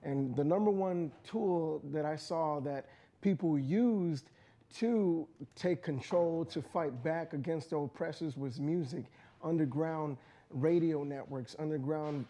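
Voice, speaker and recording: Earnest man with a warm, dark voice. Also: on the high side, a little slow. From United States. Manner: earnest, passionate, many restarts. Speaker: rapper guest. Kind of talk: casual interview talk. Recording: community radio studio.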